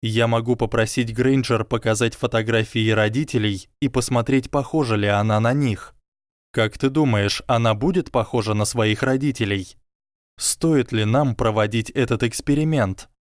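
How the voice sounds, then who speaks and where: A man voicing an earnest, clever young wizard who argues calmly and persuasively. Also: medium pitch, moderate pace, no echo, studio quality, natural voice. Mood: reasoning. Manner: calm, reasoning, quietly persuasive.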